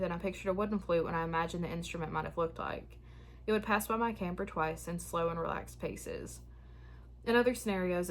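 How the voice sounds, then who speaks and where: On her spooky story channel, this young host chats casually and openly, a bit frazzled, before reading a listener's tale aloud in a steady way. Her lowish voice is beginning to get hoarse.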